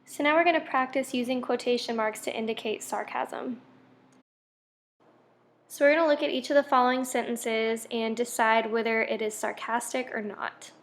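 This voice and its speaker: A young woman teacher walks through a grammar lesson. Her voice sits a little high, and she reads each quiz item out and then explains the answer in a clear, methodical way. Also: fairly even intonation, normal speed.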